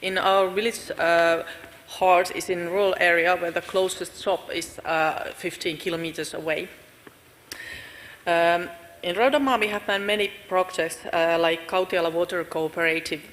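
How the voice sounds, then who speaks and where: A woman's voice: lowish voice, moderate pace, a bit bright. A woman with a Finnish accent giving a conference talk about her village as a volunteer, speaking carefully. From Finland. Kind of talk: conference presentation. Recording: reverberant conference hall.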